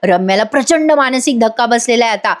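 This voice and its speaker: An enthusiastic woman recapping a serial episode in a voice-over, calling out to her viewers and praising the actors. Her voice sits high and bright in pitch. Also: expressive, fairly quick. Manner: enthusiastic, addresses viewers directly. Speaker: TV serial reviewer.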